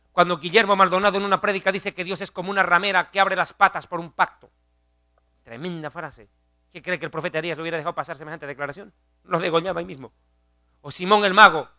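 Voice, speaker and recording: A man preaching a fiery sermon, emphatic and scornful, building up to loud mockery. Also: sits high, no room sound, clean studio sound.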